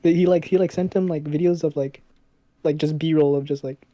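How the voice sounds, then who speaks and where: A man's voice: on the high side, steady tone, brisk, dark tone, no room sound. A young man co-hosting a podcast, chatting casually with many fillers. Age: young adult. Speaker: podcast co-host. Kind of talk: casual chat.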